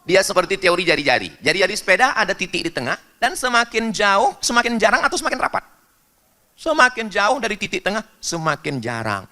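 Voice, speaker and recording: A man from Indonesia preaching a lively sermon to a congregation, jumping up in pitch for emphasis and jokes. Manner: animated, jumps high in pitch for emphasis and jokes.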